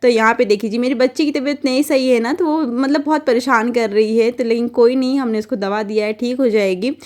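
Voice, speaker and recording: A woman's voice: on the high side, a little fast, a little mellow. A young adult woman, a mother, narrating her daily routine in a casual, chatty voice-over with many fillers and restarts. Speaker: vlogger and mother.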